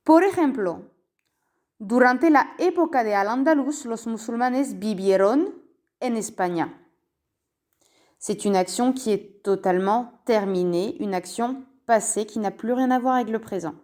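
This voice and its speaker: Slow, careful woman teaching a lesson. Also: fairly high pitch, a little mellow. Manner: slow, careful, spells out endings and repeats key forms. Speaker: Spanish teacher. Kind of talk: language lesson explained in French.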